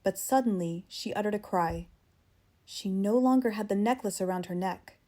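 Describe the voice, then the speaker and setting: A woman with a standard American accent reading literary fiction as an audiobook narrator, measured and expressive. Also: mid-range voice.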